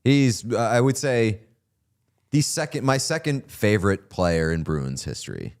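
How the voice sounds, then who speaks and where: A podcast co-host with a lowish voice and measured pace talks hockey in a casual sports chat. He is animated and opinionated and fills his speech with lots of "like" and other fillers.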